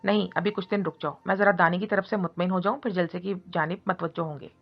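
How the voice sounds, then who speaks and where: A woman voicing a confident, powerful young man who gives orders and teases calmly. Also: lowish voice, quick pace, gravelly. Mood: commanding. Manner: calm, teasing, issuing orders. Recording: muffled recording with soft music.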